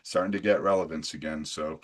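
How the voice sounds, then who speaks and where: Male podcast host, deep voice, blunt and salty, casual rambling sports talk. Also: fairly even intonation, a little fast. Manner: blunt, profane, rambling with restarts.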